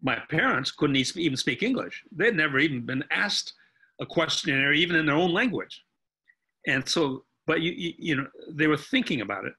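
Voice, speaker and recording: A man in his eighties with an American accent lectures on history while describing photographs. His voice is husky, with a bright, forceful edge. He speaks earnestly and haltingly, often restarting sentences. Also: a little high, lively intonation. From United States. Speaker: guest speaker.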